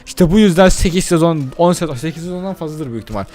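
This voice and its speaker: An excitable man giving let's-play commentary, talking straight to his viewers and tossing off casual curses at the game. His slightly high voice leaps around in pitch as he reacts. Faint music plays beneath him. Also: racing. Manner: addresses viewers directly. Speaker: gaming YouTuber.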